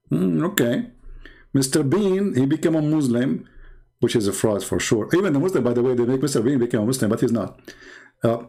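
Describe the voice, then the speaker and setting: A warm, gravelly, mid-range voice carries this casual live stream, hosted by a religious apologist from the Middle East. A native Arabic speaker with an Arabic accent, he mocks with sarcasm and keeps repeating phrases for emphasis.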